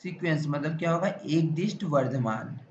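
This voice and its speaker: A man with an Indian accent teaching a maths lecture in a classroom, repeatedly asking questions and answering them himself in a drawn-out explanatory way. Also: on the high side, animated, a little mellow. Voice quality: repetitive, drawn-out explanatory delivery. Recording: echoey, muffled classroom recording with faint noise.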